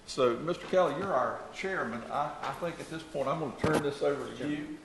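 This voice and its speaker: A man giving a formal speech at a public meeting, halting with many fillers and frequent throat-clearing. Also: fairly high pitch. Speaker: board member presenting an award. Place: large meeting hall. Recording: echoey hall, faint room noise.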